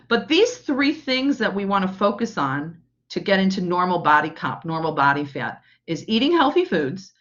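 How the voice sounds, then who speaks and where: A woman's voice: mid-range voice, a bit bright. A woman teaching a college nutrition class online, talking in a loose conversational way with lots of fillers. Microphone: video call mic. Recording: muffled lo-fi video call audio.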